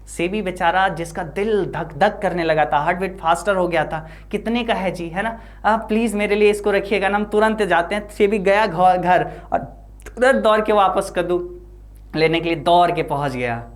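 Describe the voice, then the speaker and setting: Woman teacher with a lowish voice, explaining English text line by line. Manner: reads English lines slowly, then explains in Hindi with frequent tag questions.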